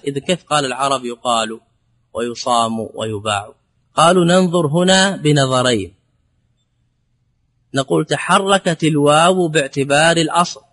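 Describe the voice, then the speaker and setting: A man teaches a classical Arabic grammar lesson, explaining step by step, repeating example words and posing rhetorical questions. His voice is a little high and a bit bright.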